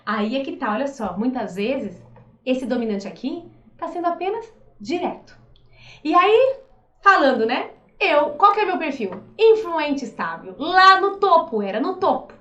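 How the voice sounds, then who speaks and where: A Brazilian woman in her thirties, a behavioral profile coach, explaining in a lively casual way and acting out little quoted voices. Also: high voice, a little slow. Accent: Brazilian Portuguese. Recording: echoey room.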